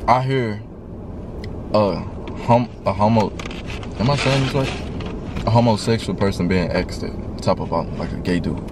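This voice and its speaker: A man's voice: normal speed, long pauses. A 19-year-old man with a Memphis Southern accent chatting casually while eating in a parked car, laid-back and full of slang. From Memphis, Tennessee. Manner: laid-back slang, jumps high when surprised. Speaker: YouTuber hosting a Q&A mukbang. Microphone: camera on dashboard. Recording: noisy car interior.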